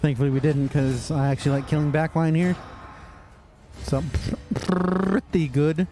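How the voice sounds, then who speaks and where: A man's voice: mid-range voice, level tone, normal speed, very noisy. A young man giving casual, sarcastic commentary while playing a game. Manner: sarcastic, mocking, talks to himself. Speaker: streamer.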